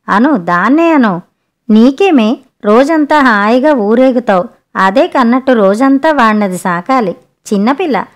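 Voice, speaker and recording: A woman voicing a grumbling, sharp-tongued older mother-in-law in a read-aloud story, scolding and complaining. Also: on the high side, lightly acted.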